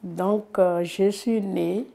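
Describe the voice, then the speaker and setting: A woman in her seventies from Benin, giving her testimony at home in an unhurried way. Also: mid-range voice, steady tone, vocal fry, dark tone. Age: 70s. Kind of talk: testimony interview.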